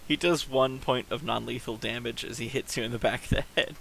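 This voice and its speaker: A man narrating a tabletop role-playing game as game master, in a halting, unhurried way. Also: medium pitch, fairly even intonation, gravelly, a bit bright, a little hiss or hum, rough recording. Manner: slow, halting narration with pauses.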